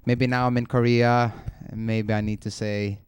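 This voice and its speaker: A man's voice: medium pitch, level tone, a little slow, clean tone. A young adult man from Norway, a touring singer and guest, chatting casually and laughing easily on a podcast.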